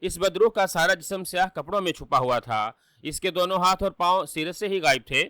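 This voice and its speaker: Bright-voiced male storyteller. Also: high voice, no echo, studio quality. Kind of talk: scripted story narration.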